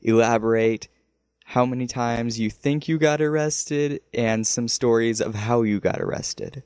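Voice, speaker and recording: A man's voice: mid-range voice, a little slow, a little mellow, clear, resonant tone, no echo. A man interviewing a guest in a casual, easygoing way. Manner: easygoing, amused.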